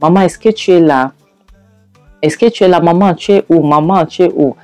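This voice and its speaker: A storyteller voicing a frantic young man who shouts for his mother, high-pitched and loud. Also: sing-song, normal speed, no room sound, faint music behind. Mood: frantic shouting.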